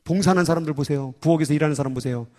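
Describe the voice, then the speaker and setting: A man preaching a sermon as pastor, animated and acting out little prayers and voices. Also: fairly high pitch, racing, big-room sound.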